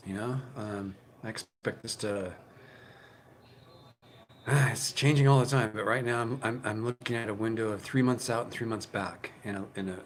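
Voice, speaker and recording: Rambling, low-voiced man in his fifties. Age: 50s. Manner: rambling, profane, with frequent fillers and restarts. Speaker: channel host. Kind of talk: casual live chat with viewers.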